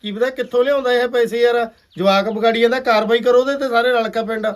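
A man playing an indignant Punjabi villager who scolds in a loud, hearty, insistent and brotherly way. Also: very high voice, steady tone, quick pace. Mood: scolding.

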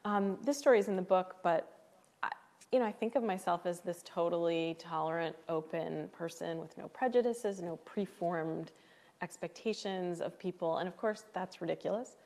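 A woman's voice: fairly low pitch, normal speed, darkish tone, in a large hall. A woman author in a live interview, telling a personal story in a thoughtful, candid and emotional way. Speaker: author guest. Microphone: live stream setup.

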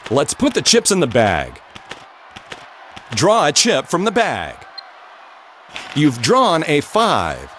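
An actor playing an upbeat game show host in a video game, with scripted lines. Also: male voice, fairly high pitch, huge pitch swings, takes it slowly, long pauses, a bit bright, slight background noise, heavily acted. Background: game show music.

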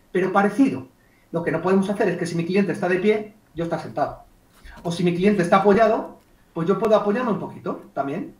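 A man gives a lively online communication workshop, acting out client dialogues and speaking to participants by name. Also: high voice. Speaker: communication trainer. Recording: echoey room, distant mic.

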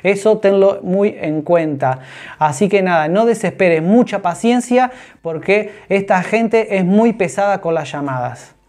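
Talking to the camera in a small indoor space with an orange wall, this earnest man in his thirties explains personal finance, using his hands as he goes. His high voice is expressive, unhurried, and a little mellow.

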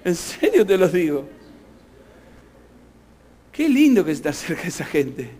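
High-voiced preacher man. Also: big pitch swings, measured pace, mellow. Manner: emphatic, keeps asking the congregation questions. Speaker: pastor. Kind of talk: sermon.

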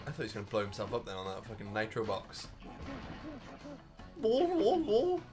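A man gaming with friends, swearing and raging loudly at the game in casual chat. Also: lowish voice, huge pitch swings, over music. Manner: sweary, loud, quick to rage at the game. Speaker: gamer playing with friends.

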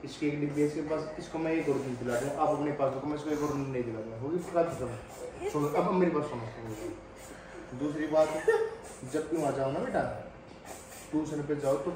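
A man's voice: a little high, fairly quick. A father patiently coaxing and explaining things step by step to his children in a family home video. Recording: echoey room, far from mic, noisy.

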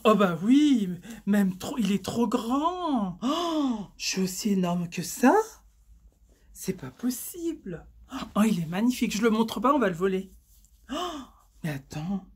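A woman, chatting in a casual unboxing haul vlog; excitable, swearing often and stumbling over her words. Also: mid-range voice, a little slow, breathy edge. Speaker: vlogger.

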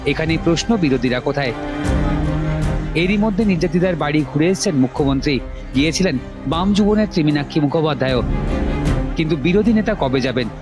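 A man reading a scripted news voice-over in a measured, formal way. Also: on the high side, lively intonation. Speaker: news narrator. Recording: voice-over over music bed.

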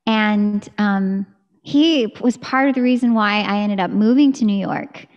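A woman's voice: medium pitch, a little slow, muffled recording. An American woman singer in her thirties, chatting enthusiastically in a video-call interview from a room at home on a studio mic. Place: home room with curtain backdrop. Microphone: studio mic on a boom arm.

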